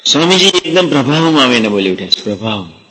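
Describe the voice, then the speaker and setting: A man delivers a storytelling sermon in an earnest, emphatic voice, repeating key words and dropping in English words. His pitch sits mid-range for a man. A long reverb from a large hall trails after each phrase. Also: big pitch swings, quick pace, pushed and bright. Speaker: spiritual teacher giving a discourse.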